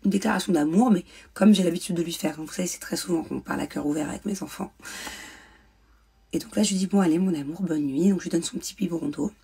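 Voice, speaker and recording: Young woman, vlog storytime, warm low tone, breathy, hesitant talk. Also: fast talker. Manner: hesitant, many fillers and restarts. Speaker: mother vlogger. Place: indoors at home, ring light.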